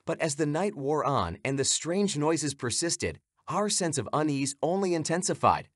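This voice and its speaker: A man narrates a horror story in a dramatic, suspenseful manner, his pitch rising and falling with lively animation. The recording is close and dry, with no room sound. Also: moderate pace, no echo. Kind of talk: scripted narration.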